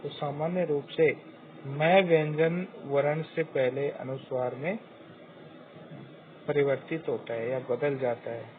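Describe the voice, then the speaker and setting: Slow-spoken man teaching grammar over tinny audio. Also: medium pitch, steady tone. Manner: slow, deliberate, spells out each letter sound. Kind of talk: Hindi grammar lesson. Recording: tinny phone-like audio with faint hiss.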